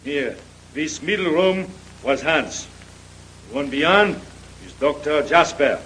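An actor playing an excitable French innkeeper in an old-time radio drama, speaking broken English with a French accent and a fussy manner. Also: male voice, on the high side, slow, slight background noise, low-quality recording. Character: excitable French innkeeper, middle-aged man.

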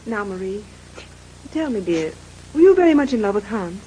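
A woman's voice: mid-range voice, big pitch swings, moderate pace, mellow, slight background noise, close to an everyday voice, low-quality recording. An actress playing a polite young woman detective asking questions in an old-time radio drama. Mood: poised.

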